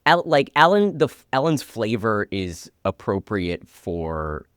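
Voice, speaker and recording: A man's voice: on the low side, big pitch swings, measured pace, smooth, no room sound. A man co-hosting a podcast, chatting casually and making emphatic, swearing points on a close mic. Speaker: podcast co-host. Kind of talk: casual chat.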